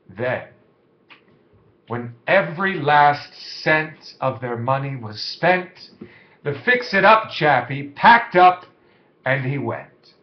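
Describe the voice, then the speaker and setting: A man reading a children's rhyming story aloud, with theatrical cadence and big shifts in volume. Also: a little high. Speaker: storybook reader. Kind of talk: dramatic children's story narration. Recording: muffled lo-fi, echoey room.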